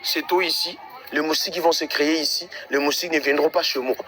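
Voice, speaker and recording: A man's voice: on the high side, steady tone, fast talker, pushed and bright. A man out of breath, walking residential streets outdoors and talking to his livestream viewers in an exasperated, repetitive way. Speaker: livestream vlogger.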